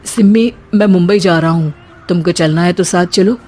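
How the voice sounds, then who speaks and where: A woman narrator voicing a mild, calm young husband in an animated story. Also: fairly low pitch, normal speed, music in the background, pitched below the performer's own voice, lightly acted.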